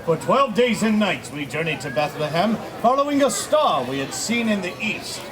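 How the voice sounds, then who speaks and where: A man's voice: high voice, sing-song, normal speed, low-quality recording. A man playing a proud, welcoming Magi king, projecting to a crowd in theatrical live storytelling. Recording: outdoor crowd noise.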